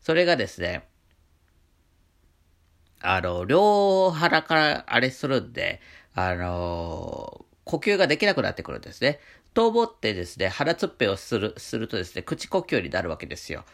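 A man with a congested, nasal voice from allergies, talking casually and haltingly as he hosts a solo radio monologue. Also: medium pitch, sing-song, gravelly, fairly bright tone. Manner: chatty, halting, with frequent trailing sentence particles. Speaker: radio talk host, painter.

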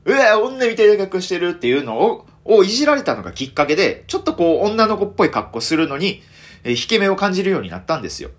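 Animated Kansai man, self-mocking chatter. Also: fairly high pitch, fast talker. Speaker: comedian hosting a solo podcast. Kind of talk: casual solo monologue.

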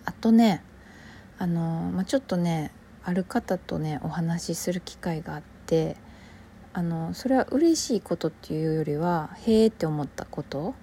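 A woman with a Kansai Japanese accent talks on her own solo show in a relaxed, rambling way. Her voice sits a little low and sounds warm and mellow, and it often sinks to a soft near-whisper. A faint hiss sits under it. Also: a little slow. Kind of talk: casual solo podcast chat.

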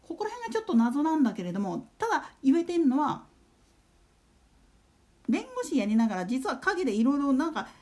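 A woman's voice: high voice, big pitch swings, brisk, long pauses, a little mellow. A woman hosting a casual solo talk show, chatting and putting rhetorical questions to her listeners. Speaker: solo radio talk host.

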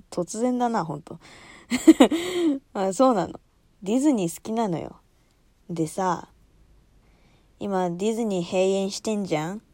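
A woman's voice: mid-range voice, moderate pace, pauses often, warm tone, dry recording. A young woman hosting a casual solo talk show, chatting in a rambling way and laughing often.

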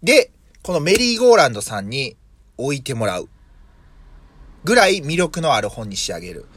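A man's voice: mid-range voice, very animated, normal speed, a bit bright, slightly rough, dry recording. A man in his thirties from Mie, Japan, hosting a casual solo podcast as a vegetable farmer, thinking aloud with many fillers and self-corrections. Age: 30s.

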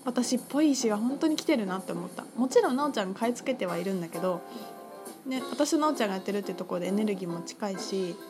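A woman talking casually on her own about her crystal shop, chatty and full of fillers, lively when she quotes others. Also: medium pitch, racing. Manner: chatty, filler-heavy, animated quoting. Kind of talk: casual solo talk. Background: music.

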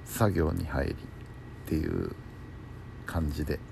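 With a very deep, creaky voice and big pitch swings, a bedtime talk show host takes his time chatting casually by himself. He muses politely and conversationally, and faint background noise can be heard.

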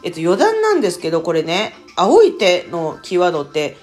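A woman's voice: fairly low pitch, huge pitch swings, fairly quick, a little mellow, soft background music. A woman from Tokyo with an old Tokyo-style accent, hosting a spiritual podcast in a chatty, playful way and calling herself by her nickname. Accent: Edo-style Tokyo dialect. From Tokyo, Japan. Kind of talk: casual solo podcast talk.

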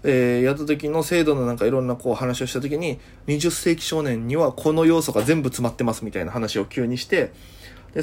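A man from Okinawa hosting a solo talk show, telling a casual story in a rambling way, full of fillers and self-corrections. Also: medium pitch. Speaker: podcast host.

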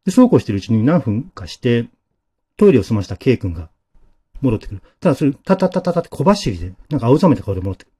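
A man tells a ghost story in a dramatic way, his voice sinking to a near hush at the tense parts. His tone is mellow and slightly husky, and his pitch rises and falls with lively range. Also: fast talker. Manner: dramatic, dropping to a hush at key moments.

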